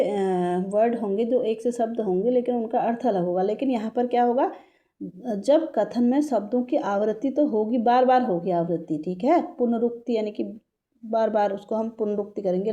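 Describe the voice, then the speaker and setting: A woman teaches a grammar lesson to a class. Her voice sits a little high but stays mellow and soft-edged. She keeps asking the class questions and answering them herself, and reads verse lines slowly. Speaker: Hindi teacher.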